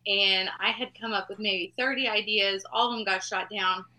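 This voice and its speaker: A young woman from Texas, a band's singer-songwriter, telling her story in a chatty, relaxed way. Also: medium pitch, moderate pace. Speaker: band singer-songwriter, guest. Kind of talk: casual interview chat.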